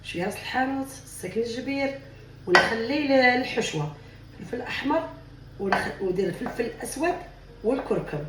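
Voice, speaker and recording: Woman, cooking vlogger, rapid chatty delivery, echoey kitchen, mic set back. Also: on the high side, lively intonation, very noisy. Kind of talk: cooking demonstration vlog. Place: home kitchen. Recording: echoey room, mic at a distance.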